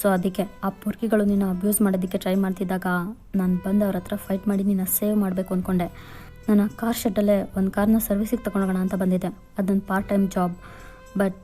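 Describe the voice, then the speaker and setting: A woman voicing a gruff, bossy injured young man. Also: medium pitch, flat delivery, a little fast, warm tone, faint music behind, close to an everyday voice. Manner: snappish, scolding, demanding.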